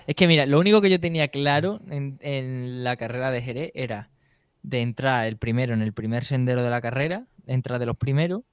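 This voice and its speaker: A young man being interviewed, recounting a race in lively, casual, colloquial storytelling. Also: medium pitch, brisk, clean tone, no echo. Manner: animated storytelling, keeps saying "tío". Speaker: interview guest, mountain bike racer.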